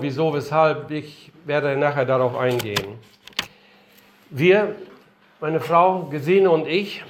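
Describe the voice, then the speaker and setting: There's a faint hiss or hum as an older missionary preaches in a higher-pitched voice, somewhat strained from illness. His lecture-style sermon in a conference room is emphatic and earnest, dotted with rhetorical questions.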